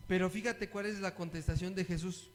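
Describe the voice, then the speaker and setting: Man, a high voice, preaching and reading scripture, long hall reverb. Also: fairly even intonation, fairly quick. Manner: reads scripture aloud and asks the listeners questions. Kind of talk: sermon Bible study.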